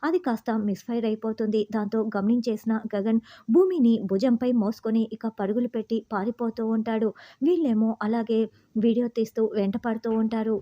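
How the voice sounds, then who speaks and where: A woman recapping a TV serial in scripted narration, reading every part herself in an even storytelling manner. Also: fairly high pitch, brisk, muffled recording. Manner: even storytelling, reads all parts herself.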